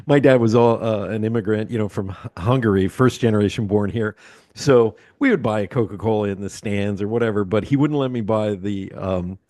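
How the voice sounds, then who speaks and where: A man's voice: fairly low pitch, a little fast, dark tone, no echo, clean studio sound. A man in his sixties from Pennsylvania hosts a casual interview, rambling with lots of ums and uhs. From Pennsylvania, USA. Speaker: podcast host.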